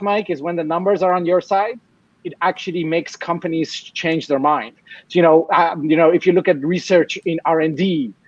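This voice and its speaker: A man born in Iran, raised in France, his voice sitting high for a man and tumbling out in animated restarts. The sound is dry and dull, like lo-fi remote audio. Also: no echo. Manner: animated, many restarts and "you know". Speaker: guest, tech startup founder. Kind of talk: casual interview talk.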